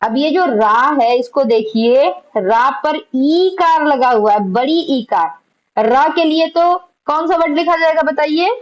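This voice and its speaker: A woman's voice: sits high, slow pace, muffled recording. A woman teaching an online Urdu lesson, patiently explaining letters and quizzing her students.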